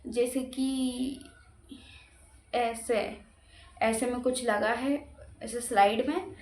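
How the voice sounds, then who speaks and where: A woman's voice: on the high side, steady tone, very slow, darkish tone. A young woman casually recounting her day in a rambling, repetitive vlog style. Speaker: vlogger. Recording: echoey room with faint background noise.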